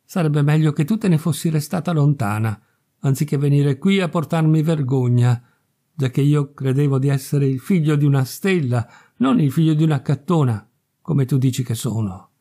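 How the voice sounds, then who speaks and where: A haughty boy spits out his words, hard and bitter, as a man reads him. The voice stays dark and mellow underneath the scorn. The contempt runs steady through every line. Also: on the high side, moderate pace. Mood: scornful. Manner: harsh, scornful. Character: proud, cruel boy, the star child.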